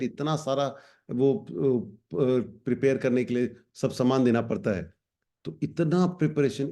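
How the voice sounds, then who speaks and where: A man's voice: medium pitch, mellow. A man teaching a class of students in a chatty way, switching between Hindi and English phrases. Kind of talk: explanatory class talk.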